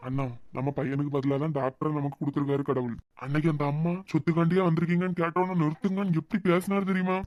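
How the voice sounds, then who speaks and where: A man's voice: a little high, flat delivery, quick pace, hardly any pauses, no echo, close to an everyday voice. A man with a Kanyakumari Tamil accent voicing an earnest younger brother in a cartoon web series, reassuring his grieving sibling. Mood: consoling. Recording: dull lo-fi sound.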